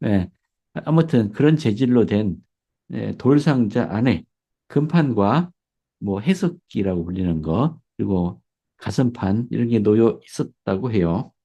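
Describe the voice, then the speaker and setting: A man's voice: lowish voice, animated, mellow, breathy edge, muffled recording. Chatty man teaching, slurred sibilants. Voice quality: slightly slurred sibilants from dental braces. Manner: chatty, fills pauses with "예", chuckles often. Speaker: church history teacher. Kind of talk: casual spoken lesson.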